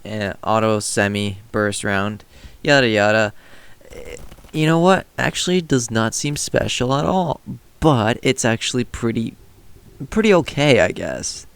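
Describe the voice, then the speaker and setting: A man's voice: medium pitch, animated, unhurried, clear, resonant tone, dry recording. A man giving a casual, offhand video game review in a rambling, noncommittal way.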